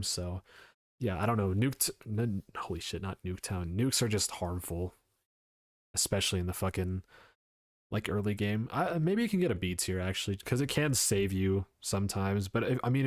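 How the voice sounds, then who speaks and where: On a live stream, a young man chats casually, rambling through his points, replying to chat, and swearing now and then. His voice is lowish. The audio is dry and close-miked, with no room sound or echo.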